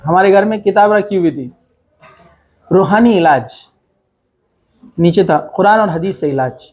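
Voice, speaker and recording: A man's voice: high-pitched, darkish tone. A man giving a conversational religious talk, asking rhetorical questions and mixing in English words. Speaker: Islamic speaker.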